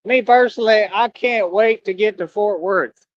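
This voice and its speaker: A Texan man with a high voice rambles casually at a moderate pace in a self-recorded stream monologue, often tossing in "you know what I mean." Cheap headphones with a mic give a dry, dull, lo-fi sound with no echo.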